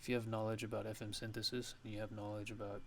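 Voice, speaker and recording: A man gives a casual ASMR music production tutorial, thinking aloud haltingly as he works. His voice is fairly low-pitched and level, with a little hiss or hum.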